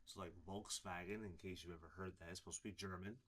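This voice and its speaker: A man's voice: deep voice, steady tone, fast, fairly bright tone. A man in his forties from Illinois, a preacher telling his life story in a casual, rambling way with many fillers. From Illinois, USA. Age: 40s. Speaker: preacher giving his testimony. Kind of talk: casual personal testimony to camera.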